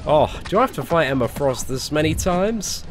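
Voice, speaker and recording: Chatting casually as he live-streams a mobile game, this young English gaming streamer greets viewers by name and uses plenty of fillers. His voice is a little high with lively intonation at a normal speed, slightly nasal from a cold.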